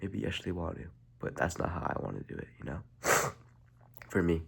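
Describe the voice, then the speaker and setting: A teenage boy speaks into the camera with a blocked nose from a cold. His voice sits very low and gravelly, with a husky edge. He talks haltingly and softly, often slipping into a near whisper. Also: big pitch swings. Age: teens. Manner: halting, soft-spoken, drifts into a whisper. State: congested from a cold. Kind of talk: casual video monologue.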